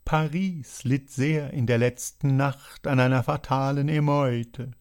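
A man voicing an agitated male writer who loudly reads out a letter in a dramatized audiobook. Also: medium pitch, steady tone, slow. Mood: declaiming. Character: agitated male literary man announcing news.

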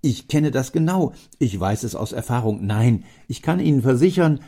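A man voicing an excitable elderly factory owner who talks heartily and emphatically in a raised voice. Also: medium pitch, normal speed, pitched above the performer's own voice. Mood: emphatic.

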